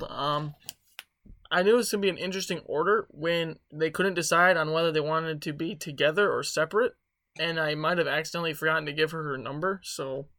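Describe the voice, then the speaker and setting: A man's voice: fairly high pitch, fairly bright tone. A young man hosting a casual podcast, telling work stories in a rambling way with laughs. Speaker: podcast host. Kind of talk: casual chat.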